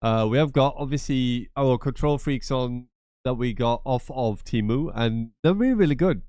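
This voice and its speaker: Congested from a cold, a gaming channel host with a blocked, nasal voice walks through a casual screen-share tutorial. He is chatty and repetitive, full of rambling asides. His voice is medium-pitched and darkish, with a clean tone and no echo.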